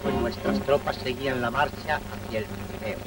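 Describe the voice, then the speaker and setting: A man's voice: mid-range voice, normal speed, creaky, over loud music. A man narrating an old 1930s newsreel in a solemn, declamatory manner. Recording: noisy, distant 1930s newsreel soundtrack.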